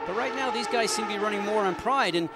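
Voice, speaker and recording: High-voiced motorsport analyst man, roaring cars behind. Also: fast, creaky, over a noisy crowd. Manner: explanatory, technical. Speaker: motorsport colour commentator. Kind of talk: live race analysis commentary. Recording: loud race car engine noise behind. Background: race cars and outdoor track noise.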